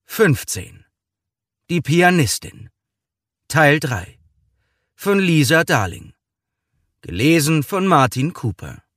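A man's voice: on the high side, very animated, takes it slowly, pauses often, a bit bright, no echo, studio quality. A man narrating a short story as a scripted literary audiobook reading.

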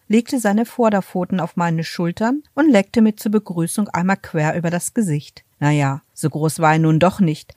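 A woman narrating a story in the first person, telling it in a lively way. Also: medium pitch, dry recording, studio quality. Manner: lively storytelling, acts out the quoted commands. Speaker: audiobook reader.

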